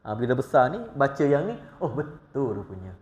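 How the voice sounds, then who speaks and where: A man with a Malaysian Malay accent giving an evening lecture on scripture in a mosque, animated and humorous, swinging from hushed asides to loud emphatic lines. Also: mid-range voice, fairly quick, lo-fi sound. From Malaysia, grew up in Johor. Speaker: religious teacher. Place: mosque prayer hall. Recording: roomy echo from a prayer hall.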